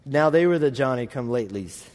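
A Texan with a rural drawl preaches fast and animatedly in a slightly mellow, mid-range voice. His sermon is folksy, rambling, and self-deprecating, built around anecdotes and addressed to a congregation in a large room, where the recording picks up heavy hall reverb.

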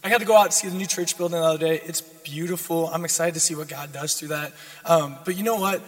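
A young man from Minnesota preaching a sermon in a hoarse voice, earnest and exhorting, with informal check-ins. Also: a little high, fast. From United States, Minnesota. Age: young adult. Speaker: guest preacher. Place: large church sanctuary, speaking to a congregation. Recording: reverberant church sanctuary.

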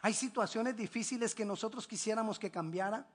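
A man preaching a sermon as pastor, with emphatic exclamations, hushed low drops and repeated rhetorical questions. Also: a little fast, breathy edge.

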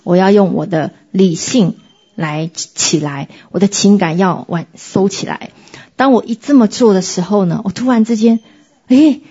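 A woman recounts her faith experiences earnestly, pausing often as she reflects. Her voice is husky and mellow, with a darker, softer tone. The recording sounds dull and slightly lo-fi. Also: medium pitch. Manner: earnest, reflective, with many hesitations. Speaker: church member sharing testimony. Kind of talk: personal faith testimony.

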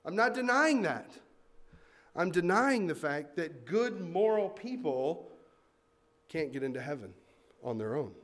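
High-voiced man preaching a sermon. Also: measured pace, pauses often. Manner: animated, conversational preaching with asides. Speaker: pastor.

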